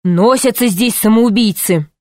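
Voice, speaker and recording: A woman's voice: fairly high pitch, measured pace, darkish tone, dry recording, studio quality, close to an everyday voice. A woman voicing an impatient, irritable grown man who grumbles curtly in an audiobook story. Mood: gruff. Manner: curt, grumbling.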